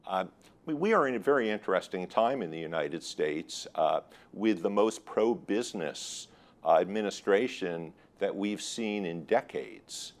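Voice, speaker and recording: Male finance guest, low register, analytical and considered delivery for interview answers. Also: animated, a little slow. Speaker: guest expert on high yield bond markets.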